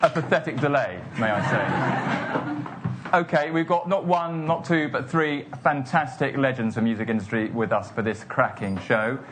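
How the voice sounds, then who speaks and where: A man's voice: mid-range voice, normal speed. A man from the south of England hosting a live interview, chatty and enthusiastic. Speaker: host. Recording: noisy live venue with crowd.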